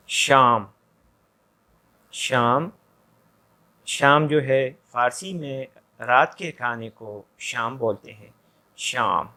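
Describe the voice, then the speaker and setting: A man teaching a language lesson, saying each word slowly and then explaining its meaning, with frequent hesitations. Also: mid-range voice, fairly bright tone. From Pakistan. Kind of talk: classroom lecture.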